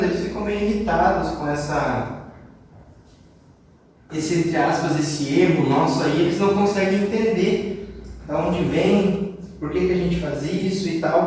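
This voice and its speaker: A man from Brazil teaching an English class, explaining step by step and repeating words slowly for drill. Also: sits high, a little mellow, distant mic, slight background noise. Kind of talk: classroom lesson. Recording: roomy echo, voice off-mic with long reverb.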